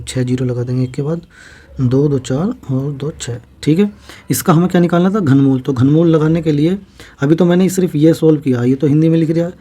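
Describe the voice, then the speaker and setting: A man's voice: on the high side, warm tone. A man teaching a maths exam-prep lesson, walking through each step, asking questions and answering them himself. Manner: explains slowly, repeats steps, asks and answers own questions.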